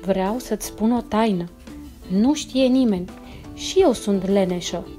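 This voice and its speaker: Woman voicing a sly scheming she-cat, coaxing, storybook, mellow voice, soft music. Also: medium pitch, lightly acted.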